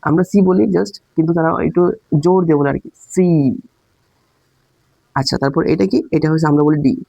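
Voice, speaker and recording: Fast-talking man teaching English basics. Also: fairly high pitch, creaky, dark tone, dry recording, low-quality recording. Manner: explains with rhetorical questions and repeated tags; demonstrates letter sounds aloud. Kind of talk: casual spoken lesson.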